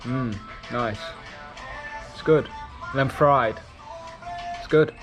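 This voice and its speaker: A man's voice: mid-range voice, slow pace, over music. Chatty man, vlogging casually. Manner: chatty, lightly humorous, explaining as he goes. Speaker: vlogger and sloth conservation worker. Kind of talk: casual vlog narration. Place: rainforest and countryside, partly outdoors.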